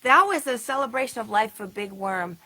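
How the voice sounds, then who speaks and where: Brisk and animated, this woman's high-leaning voice comes across husky with a sharp edge. As a band member co-hosting a livestream recap, she chats casually about past gigs, full of laughs and fillers.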